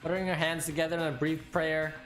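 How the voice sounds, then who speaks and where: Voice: medium pitch, flat delivery, fairly quick. A let's player reacting casually and profanely to a game and reading its narration aloud. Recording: roomy echo, faint game music behind.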